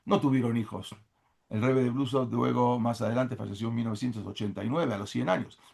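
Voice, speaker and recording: Gravelly-voiced man telling a story. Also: medium pitch, brisk. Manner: animated storyteller with frequent "eh" fillers. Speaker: speaker at a religious class. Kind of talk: storytelling lecture.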